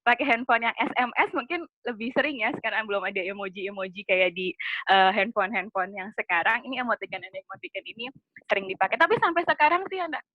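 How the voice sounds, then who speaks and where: A woman's voice: medium pitch, quick pace, no echo. A woman presenting a casual webinar lesson, chatty, asking the audience questions and laughing at her own jokes, on a computer mic. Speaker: webinar presenter on Japanese culture. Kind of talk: casual lecture with slides. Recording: dry, slightly dull webinar audio.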